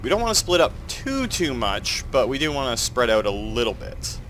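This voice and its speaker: Here the Canadian let's play host sounds very animated, with a mid-range voice, moderate pace, and fairly bright tone. His head cold makes him nasal as he casually explains his gameplay moves. A slight background noise is audible.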